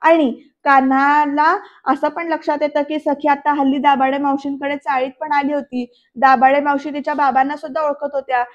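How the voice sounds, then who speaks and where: Female voice-over recapper, high and steady in tone, talking directly to viewers on a dull, lo-fi track. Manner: retells scenes briskly, addresses viewers directly. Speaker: serial review narrator. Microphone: voice-over recorded separately.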